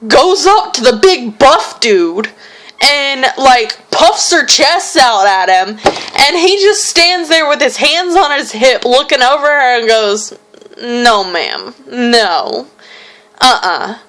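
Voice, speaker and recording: Young female vlogger, slow and fairly high, telling a frustrated story. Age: young adult. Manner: frustrated, animated retelling with quoted voices. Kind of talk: casual storytelling vlog.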